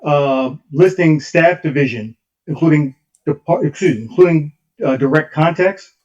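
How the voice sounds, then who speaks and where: A consultant with a fairly high, slightly mellow voice gives a formal presentation to a commission, reading from slides over a remote call. The line is dull and lo-fi, and the audio keeps glitching and cutting out.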